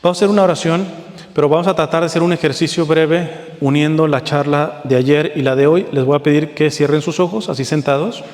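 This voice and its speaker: A man preaching a sermon to a seated audience, earnest, with slow, deliberate readings and rising emphasis. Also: fairly high pitch, steady tone, a little mellow, big-room sound.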